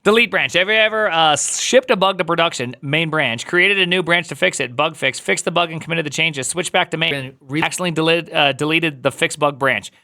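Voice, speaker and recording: A man's voice: brisk, hardly any pauses, pushed and bright. A man leading a live coding walkthrough, talking through commands as he types and joking with his viewers. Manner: playful, joking asides to chat, jumps high when teasing. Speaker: coding instructor.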